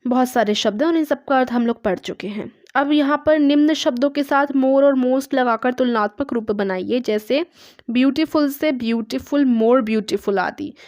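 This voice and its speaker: With a high-pitched, somewhat dark voice, a young Indian-accented woman runs an online English lesson in clean studio sound without echo. She steps through test items with patience, adding "ठीक है" after each to make sure the student follows.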